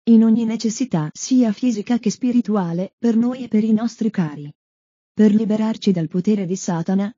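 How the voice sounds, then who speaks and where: A woman catechist giving a measured, devout catechesis reading, on a dull, dry, lo-fi recording. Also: medium pitch, mellow, breathy edge, no room sound.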